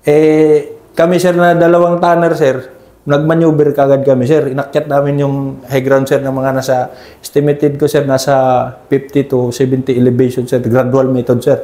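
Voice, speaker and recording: A mellow-voiced man recounts combat memories in a respectful, unhurried way. He tacks "sir" onto almost every phrase. The sound carries a roomy echo. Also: mid-range voice, level tone. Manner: deferential, ends nearly every phrase with "sir". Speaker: army scout ranger team leader. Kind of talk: conversational war story interview.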